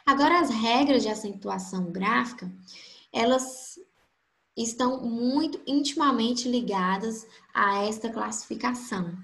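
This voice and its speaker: Slow, gravelly-voiced woman teaching grammar. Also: fairly high pitch, fairly bright tone, reverberant. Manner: slow, stretches out example words syllable by syllable. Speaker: Portuguese teacher. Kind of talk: online grammar lesson.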